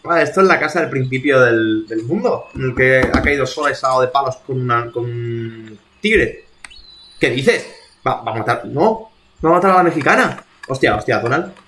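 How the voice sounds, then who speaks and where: A man's voice: mid-range voice, expressive, moderate pace, noisy background. A man from streaming a video game live, talking to himself in exasperated bursts and swearing as he plays. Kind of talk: live gameplay commentary.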